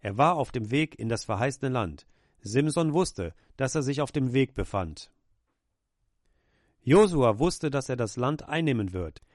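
A man's voice: mid-range voice, expressive, measured pace, darkish tone, dry recording, studio quality. A man preaching a sermon with fervour, acting out the pleading cries of the people he quotes.

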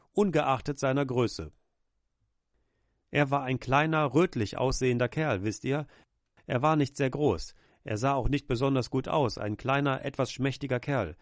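A man's voice: mid-range voice, no echo. Fervent male preacher, dry sound. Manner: fervent preaching, acts out quoted cries. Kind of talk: sermon.

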